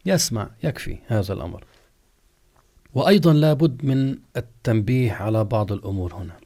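A man, an Islamic scholar, giving a religious lesson and explaining rulings slowly and deliberately, drawing out example words as he pronounces them. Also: fairly low pitch, expressive, dark tone. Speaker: Islamic scholar teaching jurisprudence. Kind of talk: religious lesson, question-and-answer.

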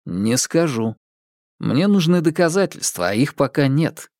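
A man playing a calm, ironic young male detective with a dry, teasing, unhurried manner in an audiobook. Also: on the high side, no room sound, pitched above the performer's own voice. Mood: wry.

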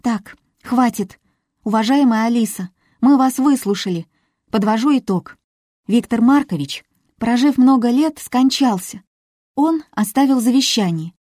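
A woman's voice: a little high, dark tone, no room sound, studio quality, pitched above the performer's own voice, close to an everyday voice. A woman reading as a firm woman who speaks formally and with authority. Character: firm woman taking charge.

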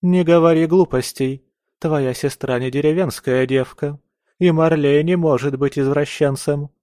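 A man's voice: on the high side, fairly even intonation, unhurried, mellow, no room sound, clean studio sound, close to an everyday voice. A man voicing a middle-aged baroness who scolds and soothes her daughter in a firm, tired way. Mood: stern. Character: stern middle-aged baroness, a weary mother.

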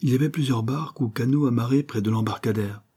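A man reading a novel aloud as narrator in a steady, measured way. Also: mid-range voice, husky. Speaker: audiobook narrator. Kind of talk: scripted narration.

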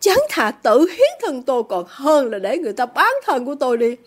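A woman voices a proud young woman turning on her rich father. She speaks coldly and bitterly, her high voice leaping with scorn. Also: very animated, a little fast. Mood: defiant. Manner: cold, defiant, bitter.

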